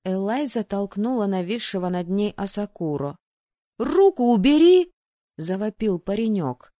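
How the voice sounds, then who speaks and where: A woman narrating a fantasy audiobook in the first person, telling it in a lively, expressive way. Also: medium pitch, normal speed, no echo, clean studio sound. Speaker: audiobook reader.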